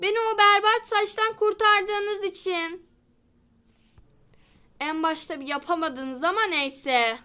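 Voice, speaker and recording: A woman voicing a fussy, complaining adult salon customer in a toy role-play, with a loud, dramatic manner. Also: very high-pitched, steady tone, takes it slowly, pauses often, full character voice. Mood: delighted.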